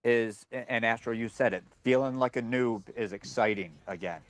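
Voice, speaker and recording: A man speaking as a panelist in a live casual roundtable, steady and emphatic. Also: medium pitch, moderate pace, no room sound.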